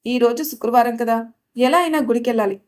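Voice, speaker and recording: Woman narrator doing polite young wife, gentle storybook tone, higher register. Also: fast, natural voice. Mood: plain. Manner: soft, polite, pleading.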